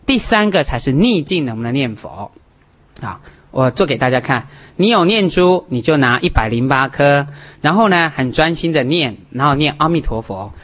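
Animated man giving a Buddhist dharma talk. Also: a little high. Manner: animated and emphatic, counting off points, talking straight to listeners. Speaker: Buddhist teacher.

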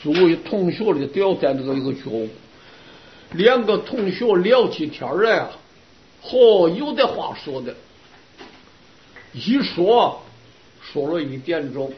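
A man delivers a Buddhist sermon to his students in a high, animated voice, his pitch leaping up and down as he tells stories. He keeps asking rhetorical questions and answering them. The sound is muffled and lo-fi. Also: a little hiss or hum. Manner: lively storytelling with rhetorical questions. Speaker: Buddhist Dharma teacher. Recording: dull lo-fi recording.

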